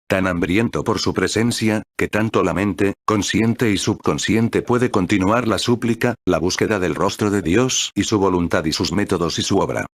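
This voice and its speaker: Man, audiobook reader, very low voice, steady earnest devotional reading. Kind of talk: read aloud devotional audiobook.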